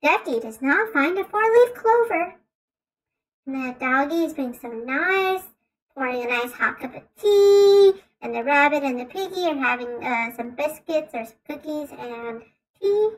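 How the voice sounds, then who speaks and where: A woman teacher reading a picture book aloud to children, gently stopping to ask questions and explain words. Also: high-pitched, lively intonation, a little slow, poor audio. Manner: gentle, asks the listener questions and explains as she reads.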